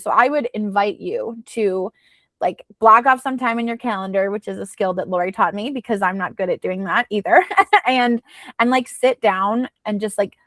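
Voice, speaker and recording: A woman business coach gives casual, chatty advice packed with fillers. Her voice is medium-pitched and fairly bright, recorded with no echo.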